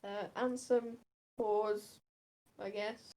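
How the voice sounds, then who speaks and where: A woman's voice: mid-range voice, flat delivery, very slow, dark tone. A woman, narrating a tabletop game as game master in a laid-back way. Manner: laid-back, laughs easily.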